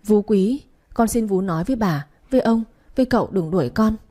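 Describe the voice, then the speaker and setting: A woman's voice: medium pitch, expressive, brisk, mellow, close to an everyday voice. A woman voicing a scheming young maidservant who begs tearfully in an audio story. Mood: begging. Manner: pleading, tearful. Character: scheming young female servant, pleading.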